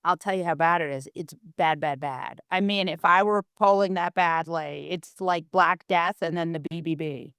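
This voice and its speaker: Sardonic woman podcast host, lowish voice. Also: normal speed, hardly any pauses, a bit bright, clean tone, dry recording, studio quality. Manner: sardonic, profane, repeats words for emphasis. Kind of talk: casual political chat.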